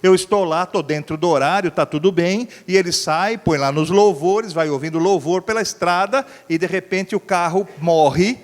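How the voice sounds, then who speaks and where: A man's voice: high-pitched, normal speed, few pauses. A middle-aged Brazilian man, preaching a sermon as a pastor and acting out a story with voices and sound effects. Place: church hall. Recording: church hall reverb.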